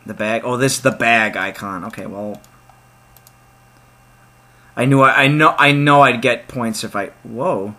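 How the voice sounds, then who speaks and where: Speaking a little slowly and pausing often, a young gamer narrates a point-and-click game in a relaxed let's play. He reads the on-screen text aloud and jokes about it with excitable remarks, his voice sitting at a medium pitch.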